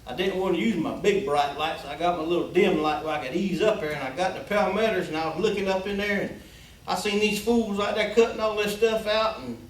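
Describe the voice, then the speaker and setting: A host talks in a relaxed, folksy manner with a slightly high voice. He sits back from the mic in an echoey space, with faint hiss behind him. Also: fairly quick, far from the mic. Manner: folksy, easygoing, hesitant fillers. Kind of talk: casual talk and storytelling.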